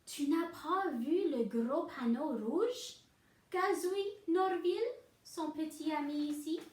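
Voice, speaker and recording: A woman's voice: sits high, takes it slowly, darkish tone, echoey room, pitched above the performer's own voice. A woman voicing a small, playful bird friend in a picture book read aloud. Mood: chirpy.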